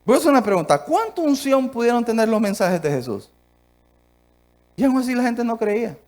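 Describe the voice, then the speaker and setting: A man from Honduras preaching a sermon emphatically, asking rhetorical questions and swinging between soft and loud delivery. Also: extremely high pitch, sing-song, fairly quick.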